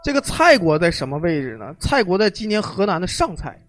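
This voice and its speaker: A man spins history into lively, joking stories in casual chat. His voice sits fairly high for a man, and faint music plays underneath. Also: a little fast. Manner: lively, joking, colloquial storyteller. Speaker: podcast host telling history.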